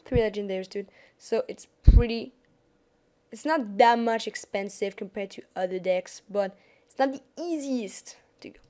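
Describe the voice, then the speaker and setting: A young French-accented woman, a gaming YouTuber, casually narrates a card game over screen capture. Her voice sits in the mid range, mellow, at a moderate pace, and she keeps restarting her sentences.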